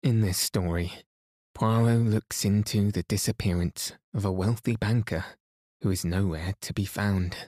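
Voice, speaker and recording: A man narrating a sleep story in a calm, soothing and gently guiding manner. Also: lowish voice, a little slow, dry recording, clean studio sound. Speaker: sleep podcast host and narrator.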